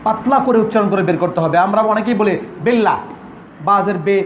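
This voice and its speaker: Male recitation teacher, high voice, patient syllable drills, echoey room with crowd noise. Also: very fast. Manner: drills sounds, repeats syllables, checks understanding. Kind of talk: Quran pronunciation class.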